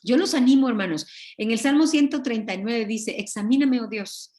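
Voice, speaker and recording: A woman teaching a Bible study over a video call, earnest and animated, often correcting herself mid-sentence. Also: a little high, fairly quick. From Guatemala.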